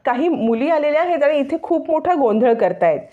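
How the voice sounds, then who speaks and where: Woman doing a dismissive male guard, brisk and curt, lo-fi. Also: high voice, expressive, voice pushed up.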